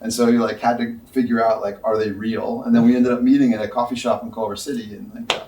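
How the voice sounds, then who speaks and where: A man, a company executive, eagerly introducing a guest in casual chat, talking fast and repeating words as he goes. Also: medium pitch, flat delivery, a little mellow, a little hiss or hum. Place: Ledger's Paris headquarters. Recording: roomy, distant.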